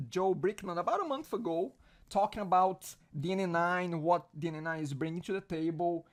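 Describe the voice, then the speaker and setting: A man hosting a casual online video chat. He laughs often and restarts his phrases. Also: high-pitched. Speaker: host.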